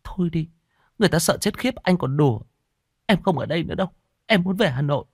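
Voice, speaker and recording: A man's voice: a little high, expressive, quick pace, creaky, slightly rough, dry recording, clean studio sound, voice pushed up, heavily acted. A man voicing a terrified young woman who stammers and pleads in panic. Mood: scared, sulky.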